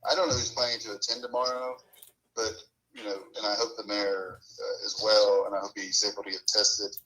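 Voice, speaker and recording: A man, a city councilman, speaking haltingly in a council meeting while calling in over a speakerphone. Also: fairly low pitch, flat delivery, pushed and bright, poor audio.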